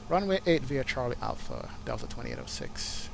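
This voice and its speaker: A man's voice: mid-range voice, wildly swooping pitch, moderate pace. A man giving casual, think-aloud flight simulator commentary and making pilot radio calls. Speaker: flight simulator streamer playing an airline pilot. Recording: clear cockpit noise behind voice. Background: aircraft cockpit ambience from the simulator.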